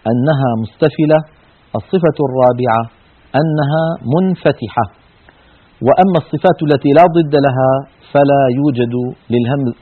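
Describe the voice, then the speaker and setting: A man's voice: a little high, slightly rough. A man teaching the articulation of letters for Quran recitation, explaining each trait step by step and demonstrating sounds and common mistakes. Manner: methodical, demonstrates sounds and mispronunciations. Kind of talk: recorded lesson on letter articulation. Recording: tinny phone-like lo-fi audio.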